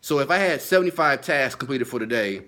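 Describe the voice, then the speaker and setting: A medium-pitched man in the role of a sales consultant leads an informal training session at a quick pace, his tone sharp and his intonation lively. He hammers home his main points emphatically, circling back to repeat them.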